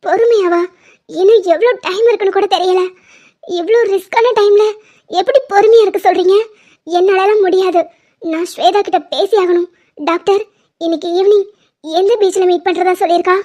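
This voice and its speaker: A woman's voice: very high-pitched, steady tone, normal speed, a little mellow. A woman voicing an emotional, impulsive young woman in a dubbed cartoon drama, talking with urgent, tearful pleading. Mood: determined. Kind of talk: Tamil cartoon dubbing.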